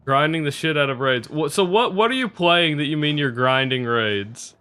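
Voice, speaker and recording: A young man talks casually to his live-stream viewers, rambling through stories and cursing freely. His voice is bright, forward and crisp, and he laughs easily between remarks. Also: a little high, expressive, moderate pace. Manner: rambling, profane, laughs often.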